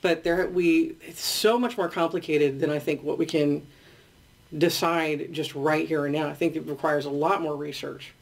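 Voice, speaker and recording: A male panel guest with a slightly raised, gravelly voice. He talks in a measured, careful way, hedging his points and qualifying what he says. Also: fairly high pitch, fairly even intonation. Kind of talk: panel debate.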